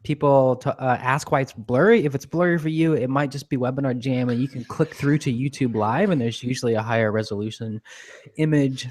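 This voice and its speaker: An easygoing man from the United States chats casually as co-host of a live online webinar. He is quick to laugh and keeps his tone relaxed and friendly. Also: mid-range voice.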